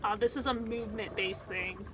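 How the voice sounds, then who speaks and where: A woman's voice: mid-range voice, steady tone, normal speed, noisy background. A woman streaming a game, chatting casually as she plays, rambling and swearing freely. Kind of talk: casual gameplay chat.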